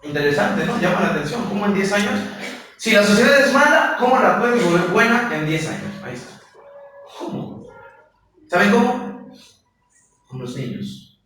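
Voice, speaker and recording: A man preaching a lively sermon as pastor, acting out questions and answers and putting questions to his congregation. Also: high-pitched, normal speed, pauses often, a little hiss or hum. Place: church. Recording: echoey church hall, mic at a distance.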